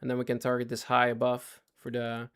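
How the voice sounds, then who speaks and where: This man speaks fairly quickly in a monotone mid-range voice that's fairly bright, clear and resonant. Streaming casual commentary on his day trades, he's losing his voice, talks haltingly, repeats points, and keeps asking chat if they follow.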